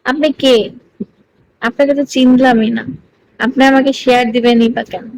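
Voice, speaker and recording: High-voiced, playful woman live-streaming. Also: steady tone, normal speed, gravelly, a little mellow, poor audio. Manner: playful and teasing, coaxing viewers; giggly, laughs often between lines. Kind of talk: casual live-stream chat with viewers. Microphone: phone.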